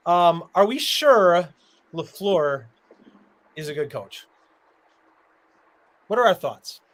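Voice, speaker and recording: Teasing man with a higher voice. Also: expressive, slow, a bit bright. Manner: teasing, steers the conversation. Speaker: podcast host. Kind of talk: casual sports chat.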